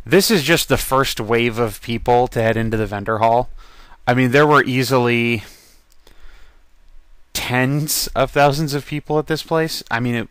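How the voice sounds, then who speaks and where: A man's voice: mid-range voice, fairly bright tone, smooth, no room sound. Chatty man narrating his trip photos. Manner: chatty, rambling, with frequent ums and laughs. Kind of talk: casual photo slideshow narration.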